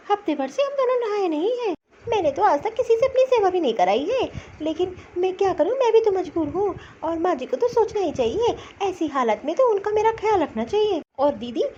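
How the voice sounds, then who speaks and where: A woman's voice: very high voice, mellow, slight background noise. A woman voicing a weak young new mother in a cartoon story, complaining plaintively and sounding sore and tired. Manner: plaintive, self-pitying complaining. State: weak and sore after childbirth. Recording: slightly dull lo-fi recording.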